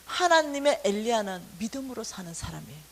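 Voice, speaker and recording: A middle-aged woman tells her story as a church testimony, her voice sitting high and leaping all over the place. She delivers it like a sermon, with vivid, theatrical swings between loud outbursts and quiet, hushed lines. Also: brisk. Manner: animated storytelling, acting out quoted voices with sudden loud bursts and soft drops. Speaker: church speaker giving testimony.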